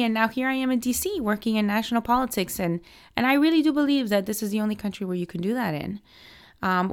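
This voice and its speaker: A woman's voice: mid-range voice, a bit bright, clear, resonant tone. A young adult woman from Miami, a political strategist, answering interview questions in an earnest, passionate way with many fillers and restarts. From Miami, United States.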